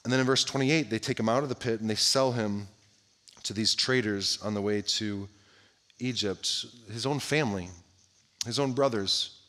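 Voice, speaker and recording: Bright-voiced man preaching a sermon. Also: on the low side, normal speed. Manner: asks the listeners many direct questions; drops to a hushed voice at the ends of phrases. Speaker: pastor.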